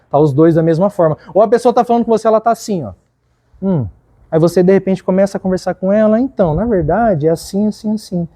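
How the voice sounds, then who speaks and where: A man with a Brazilian Portuguese accent giving a workplace leadership training, acting out examples in a lively way. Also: sits high.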